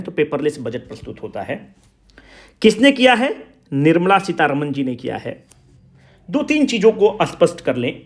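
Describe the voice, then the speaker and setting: A male exam coaching teacher, lecturing a class and slowing down to stress his English phrases. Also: sits high. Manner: mixes English and Hindi, slows down for emphatic English phrases.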